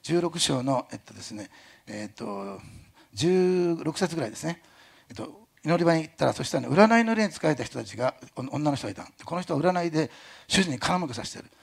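Animated, gravelly-voiced man preaching. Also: a little high, fairly quick. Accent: Kyushu dialect touches. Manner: animated, jokey asides, imitates other pastors. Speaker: pastor. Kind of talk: sermon.

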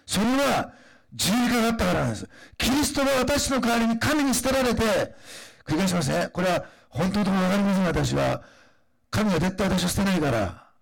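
Gravelly, lively-voiced male preacher. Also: high voice, a little fast. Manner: conversational preaching with frequent fillers, rising to emphatic declarations. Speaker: pastor. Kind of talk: sermon.

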